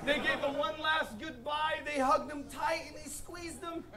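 A man's voice: very high-pitched, fairly even intonation, measured pace. A man performing a live battle rap, delivering taunting punchlines with laughing asides. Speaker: battle rapper. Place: live battle event before a crowd. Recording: crowd noise from a live event.

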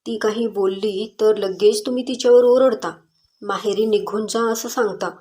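A determined young woman in a storybook, standing her ground with firm, earnest words, as a woman narrator voices her. The pitch sits in the middle range for a woman. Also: fairly even intonation, normal speed, dark tone, natural voice. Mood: defiant.

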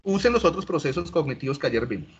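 A man's voice: a little high, sing-song, quick pace, a little hiss or hum. A man teaching an online class, explaining step by step and questioning his students. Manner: explanatory, asks students questions, frequent restarts. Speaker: lecturer. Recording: dull lo-fi audio.

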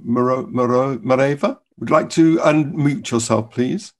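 Mid-pitched male webinar host. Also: moderate pace. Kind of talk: informal moderating. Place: room at home, indoors. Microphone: desktop microphone on video call.

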